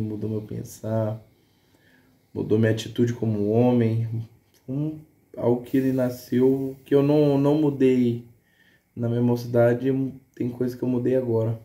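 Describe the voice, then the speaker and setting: Husband, flat dark voice, halting short remarks, echoey room. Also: male voice, medium pitch. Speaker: father, the speaker's husband. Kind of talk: casual chat. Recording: roomy echo.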